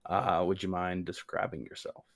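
A man running a tabletop game as game master, narrating in a relaxed way. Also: sits low, normal speed, creaky, no echo.

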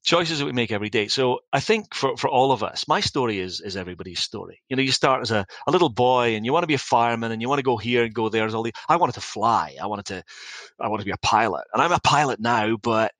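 A man's voice: medium pitch, lively intonation, quick pace, fairly bright tone, dry recording, poor audio. Reflective middle-aged Scottish man. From Scotland. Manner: wry, reflective and anecdotal, with frequent restarts. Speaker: business founder guest. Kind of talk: reflective interview storytelling.

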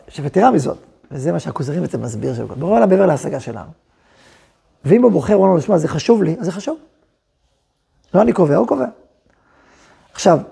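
A rabbi who heads a yeshiva gives a Torah lesson, talking animatedly, acting out quoted speech and throwing rhetorical questions. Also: male voice, high voice, gravelly, dark tone, breathy edge. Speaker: yeshiva head rabbi teaching.

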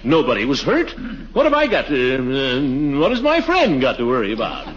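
An actor playing a pompous, anxious middle-aged uncle in a blustering, theatrical 1940s radio comedy style. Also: male voice, medium pitch. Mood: excitable. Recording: dull, noisy 1940s radio recording.

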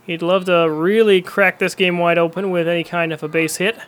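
A high-pitched male baseball commentator narrates the game play by play. He delivers his calls in a dramatic announcer style. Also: little pitch movement, a little fast, a bit bright.

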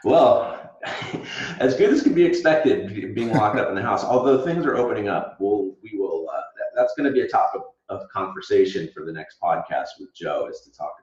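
Male podcast host, low-voiced and chatty; tinny video-call sound in an echoey room. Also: expressive, moderate pace, darkish tone. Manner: chatty, stop-start with fillers. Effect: tinny sound from the wrong microphone. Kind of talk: casual interview over a video call. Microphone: wrong microphone on a video call.

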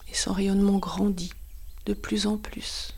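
Female meditation guide: soothing near-whisper, breathy and husky, very level intonation, short spaced phrases. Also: medium pitch, level tone, a little slow, darkish tone.

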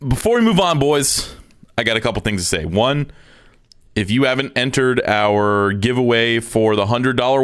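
A man co-hosting a podcast in a relaxed, joking casual chat. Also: on the low side. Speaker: podcast co-host.

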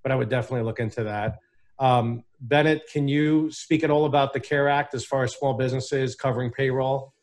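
Chatty joking co-host, mid-pitched man. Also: fairly even intonation, brisk, darkish tone. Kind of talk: casual panel chat.

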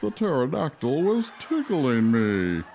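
A woman's voice: rumbling low, sing-song, a little slow, warm tone, faint music behind, voice pushed down, exaggerated voice. A woman voicing a big, goofy, boastful dinosaur in a cartoonish dinosaur voice for a children's story. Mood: game, indignant. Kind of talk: children's audio story character acting.

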